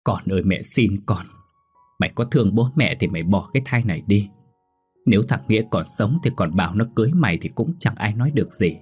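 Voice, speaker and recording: A man's voice: lowish voice, expressive, fairly quick, breathy edge, faint music behind. A man voicing a middle-aged mother who cries and pleads with her daughter. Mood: tearful pleading. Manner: weeping, pleading.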